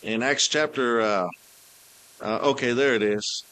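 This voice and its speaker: A man's voice: mid-range voice, fairly bright tone. A man preaching a sermon, switching between Spanish and English and stopping to hunt for the right word. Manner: mixes Spanish and English, pausing to search for words. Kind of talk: bilingual sermon.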